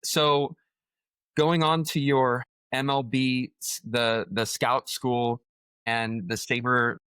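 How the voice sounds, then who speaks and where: Bright-voiced male podcast host. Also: medium pitch, level tone, smooth, no echo. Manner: sums up the guest's points, then asks long, halting questions. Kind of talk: casual podcast interview.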